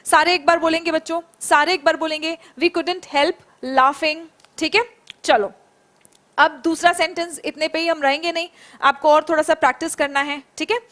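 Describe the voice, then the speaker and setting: A woman teaching a live online spoken English class, praising students by name and drilling phrases slowly. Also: high-pitched, steady tone, fairly bright tone. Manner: encouraging, calls students by name and praises them.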